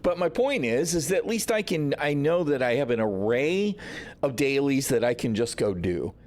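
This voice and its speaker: A man talks straight to his livestream audience in a loose, unscripted rant. He is sarcastic and exasperated and swears freely. His voice sits at an ordinary middle pitch. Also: animated, moderate pace, darkish tone. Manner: frustrated, sarcastic, swears often. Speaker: livestream host. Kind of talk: casual gaming livestream rant.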